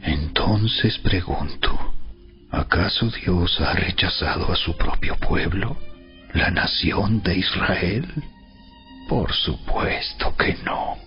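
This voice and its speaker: A man's voice: deep voice, slow. A man giving solemn, emphatic, rhetorical narration in a dramatized reading of scripture. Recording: dull sound with background music. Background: music.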